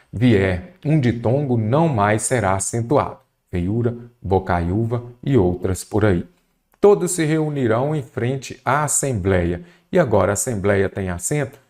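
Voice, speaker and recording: A man's voice: lowish voice, darkish tone. A man teaching an exam-prep grammar lesson, explaining step by step and answering his own questions. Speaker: Portuguese teacher.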